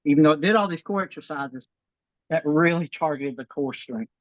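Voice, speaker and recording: A woman's voice: low-pitched, moderate pace, dry recording, highs cut off. A woman leading a workout on a video call, slightly out of breath, encouraging and repeating that people should keep it simple. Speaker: fitness instructor. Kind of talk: workout demonstration and advice.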